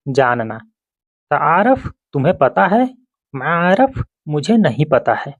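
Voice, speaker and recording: Slow-talking man teaching word by word. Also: a little high, no echo, muffled recording. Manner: repeats each word slowly, Hindi then Arabic. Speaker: Arabic teacher. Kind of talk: vocabulary lesson.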